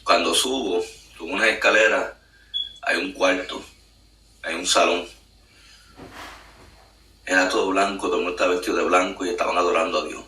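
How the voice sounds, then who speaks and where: Deep bright-toned guy telling his story, roomy echo, mic kinda far. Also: fairly even intonation, normal speed, pauses often. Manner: earnest, storytelling with many fillers. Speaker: guest sharing a testimony. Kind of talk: emotional spoken testimony. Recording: echoey room, distant mic, faint noise.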